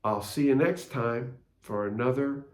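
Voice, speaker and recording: A man's voice: mid-range voice, unhurried, a little mellow. An older man hosting a casual spoken reflection, telling a story in a chatty way and asking rhetorical questions. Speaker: blog host. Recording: roomy echo.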